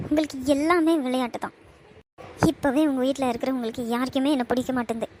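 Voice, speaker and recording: A woman's voice: high voice, quick pace, darkish tone, slight background noise, lightly acted. A woman voicing a hurt young bride, crying and reproachful, with a Kanyakumari Tamil accent. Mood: tearful. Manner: reproachful, pleading.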